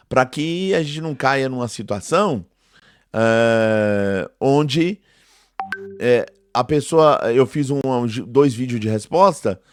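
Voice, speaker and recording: A man's voice: medium pitch, no room sound. Give me a man in his forties who repeats himself in an emphatic, indignant way, with a dry, close recording. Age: 40s. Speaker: theology teacher. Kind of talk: direct-to-camera response video.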